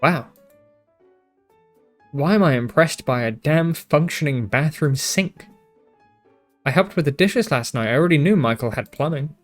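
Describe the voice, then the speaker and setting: A man's voice: on the high side, expressive, a little slow, long pauses, soft background music. A man reading a visual novel aloud, with joking asides, swearing and stumbles over words. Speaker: gaming YouTuber.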